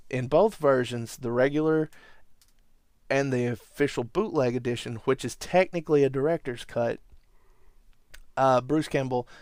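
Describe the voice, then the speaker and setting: A man hosting a podcast, casually recapping a classic movie in a rambling way, chuckling and sometimes breaking into animated impressions. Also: mid-range voice, clean tone, no echo, studio quality. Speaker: podcast host.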